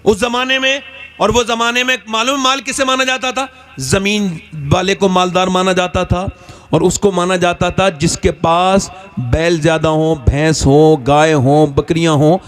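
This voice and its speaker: High-pitched animated male preacher. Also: unhurried, soft background music. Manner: animated storyteller, pitch swinging widely. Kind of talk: religious storytelling talk.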